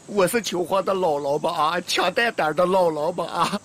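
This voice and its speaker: An actor playing a loud, fussy, cantankerous old grandmother in a comic TV drama, groaning and complaining. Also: mid-range voice, normal speed, lightly acted. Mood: grumbling. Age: older. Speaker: grandmother character.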